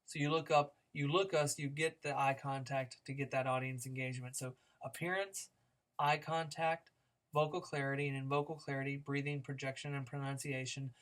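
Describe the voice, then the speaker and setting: A male speech instructor's recorded lecture has a flat delivery at normal speed. Chatty and demonstrative, he keeps restarting and using fillers while adjusting his speed, pitch and volume to demonstrate his points.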